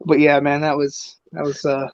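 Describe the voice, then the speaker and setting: A twenty-year-old man talks casually as a podcast guest, teasing and quick to laugh. His voice sits a little high. The sound is dry and slightly dull. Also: monotone, no echo. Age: 20s. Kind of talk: casual chat.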